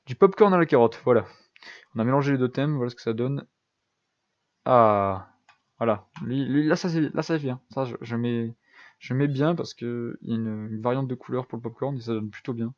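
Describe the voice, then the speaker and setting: A man's voice: medium pitch, fairly even intonation, moderate pace, dull audio. A young man giving casual, self-deprecating commentary over a building game, thinking aloud with lots of fillers. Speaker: gaming YouTuber.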